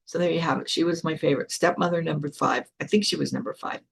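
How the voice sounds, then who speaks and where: A woman's voice: low-pitched, fairly even intonation, fast talker, gravelly, husky. An older woman hosting a spiritual podcast, telling her own story in a frank, blunt way with some swearing. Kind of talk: candid personal storytelling.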